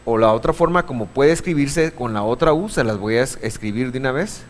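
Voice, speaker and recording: A man teaching a church class, patient, asking the room questions, with many halting restarts. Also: medium pitch, expressive. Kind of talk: classroom lesson on Hebrew vowels. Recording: long hall reverb.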